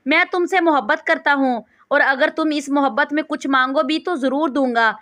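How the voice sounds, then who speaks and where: A stern, commanding young husband from a spoken storybook, read by a woman. The voice sits high and firm, laying down the rules without softening.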